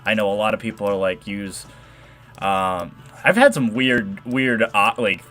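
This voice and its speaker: A man's voice: on the low side, a little slow, a bit bright, faint music behind. A young man with a nasal voice hosting a modding livestream, chatting and rambling as he explains his work. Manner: rambling, chatty, reads and answers chat. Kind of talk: casual livestream tutorial.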